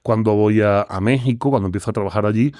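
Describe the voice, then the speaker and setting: Expressive Sevillian man, dry mic. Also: quick pace, dry recording. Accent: Andalusian (Sevillian). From Seville, Spain. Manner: expressive, talks with animated pitch swings. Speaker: guest, philosopher. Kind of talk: conversational interview.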